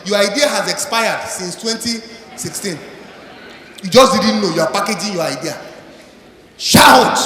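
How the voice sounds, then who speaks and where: A man's voice: high voice, bright, forceful tone. A Nigerian-accented man giving a motivational seminar speech, emphatic, using rhetorical questions and repetition. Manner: slips into Pidgin and Yoruba. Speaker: motivational speaker. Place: large event hall before an audience. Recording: echoey hall PA, crowd, faint noise.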